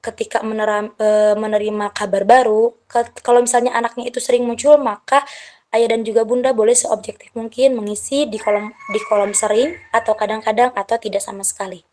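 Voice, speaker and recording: Woman teacher, slightly high voice. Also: fairly even intonation, brisk, darkish tone. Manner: methodical, walks through a numbered checklist. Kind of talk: lecture to parents.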